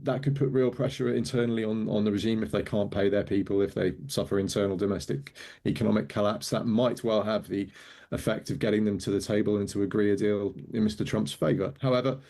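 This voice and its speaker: A Welsh man speaking as a guest analyst, measured and hesitant with frequent ums. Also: fairly low pitch, fairly even intonation, gravelly, dark tone. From Wales. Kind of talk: interview commentary.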